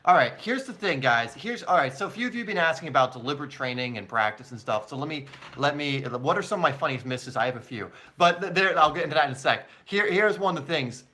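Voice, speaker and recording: A soccer live-stream host, English-born but living in the US for years, fields questions casually. His voice sits on the high side and sounds sharp and animated as he talks fast with few pauses, addressing his audience as "guys" and "mate."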